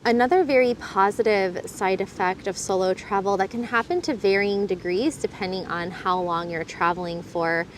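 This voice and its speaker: Earnest and enthusiastic, a woman from Florida records a casual, reflective travel vlog outdoors, with a few fillers. She talks at a normal speed in a medium-pitched voice with few pauses, and there's a little hiss or hum.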